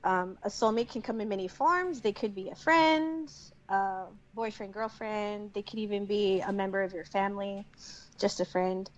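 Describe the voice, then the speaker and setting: A woman's voice: mid-range voice, normal speed. Woman co-host on dull lo-fi audio. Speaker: podcast co-host. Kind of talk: casual podcast chat.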